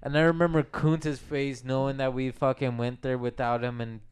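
A man's voice: mid-range voice, little pitch movement, normal speed, clean tone. A young man in casual chat with friends in a basement, reminiscing in a rambling, sentimental way with lots of swearing. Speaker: storyteller among friends. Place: home basement.

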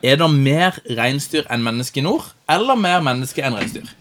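A man's voice: a little high, animated, a bit bright. A young man hosting a podcast in casual chat, with a jokey manner. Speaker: podcast host.

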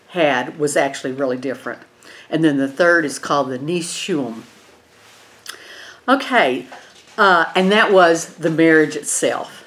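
A woman's voice: fairly low pitch, fairly bright tone. A woman with a twangy West Texas accent teaching an informal Bible lesson in a folksy way, often checking in with the group. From eastern New Mexico and West Texas, USA.

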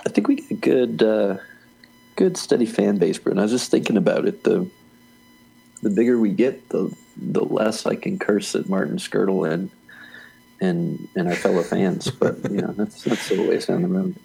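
Casting note: male podcast co-host, deep husky voice, loose rambling banter. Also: moderate pace, mellow, poor audio. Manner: rambling, restarts often, laughs easily. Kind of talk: casual chat.

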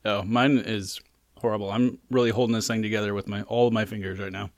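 A man's voice: lowish voice, fairly even intonation, fast talker, dry recording, clean studio sound. A man co-hosting a casual food-tasting show, chatting about the taste and sharing trivia between bites. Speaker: co-host.

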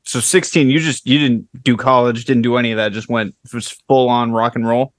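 A man's voice: medium pitch, fairly even intonation, a little fast, no echo, studio quality. A man hosting a podcast interview, joking and self-deprecating as he rambles through casual chat. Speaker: podcast host.

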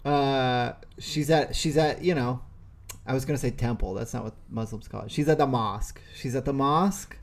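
Rambling male podcast co-host. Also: mid-range voice. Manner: rambling, stumbles and restarts, reads lists slowly. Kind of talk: casual comedic podcast chat.

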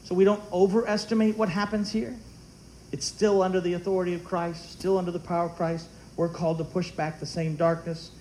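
High-voiced man preaching with animated humor. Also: brisk, a little hiss or hum, low-quality recording. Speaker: pastor. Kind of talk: sermon. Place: church sanctuary.

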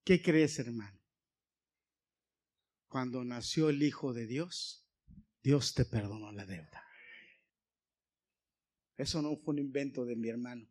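A man's voice: medium pitch, slow pace, long pauses, a little mellow. A man from Mexico with a Mexican Spanish accent, preaching a sermon in a church, telling stories and asking his congregation questions. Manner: storytelling, asks the congregation questions.

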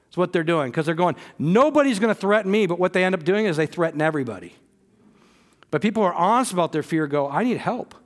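A man's voice: sits high, animated, quick pace, in a large hall. A man preaching a sermon as a pastor, earnest and emphatic, with conversational asides and light humor. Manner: earnest preaching that builds from quiet to emphatic repetition.

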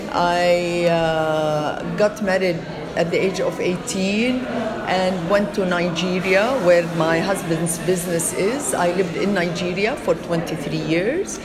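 Interview guest: woman from Lebanon, middle-aged, low voice, hesitant, busy crowd behind. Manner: halting, many fillers and restarts. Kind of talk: conversational interview.

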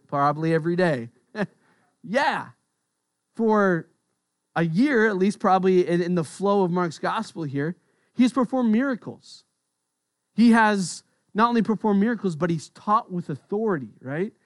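A man preaching a sermon on a gospel passage, animated and conversational, dropping to quiet asides. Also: sits high, normal speed, no room sound, studio quality. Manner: animated, acts out quoted voices, drops to quiet asides. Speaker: pastor.

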